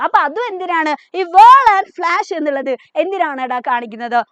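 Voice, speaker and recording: A woman's voice: very high voice, sing-song, moderate pace, a bit bright, no room sound. A woman teacher, giving an exam revision lesson, asking questions and answering them herself, mixing in English terms.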